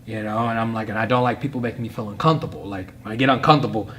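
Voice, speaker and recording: Low-voiced man telling a rambling story. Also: rapid-fire, slight background noise. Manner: rambling, filler-heavy, animated. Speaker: podcast guest, fighter. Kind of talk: casual storytelling.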